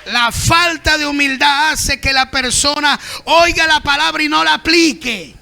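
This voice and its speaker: A man preaching at a Sunday Bible school as pastor, emphatic and sometimes shouting. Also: extremely high pitch, unhurried, gravelly. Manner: emphatic, acts out the proud and the humble, sometimes shouting.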